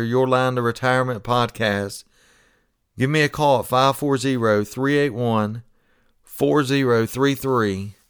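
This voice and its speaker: A man's voice: mid-range voice, fairly bright tone, clean tone, dry recording, clean studio sound. A middle-aged man hosting a retirement money podcast, talking in a folksy, preachy way and repeating phrases for emphasis. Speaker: podcast host, retirement financial advisor. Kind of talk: monologue podcast commentary.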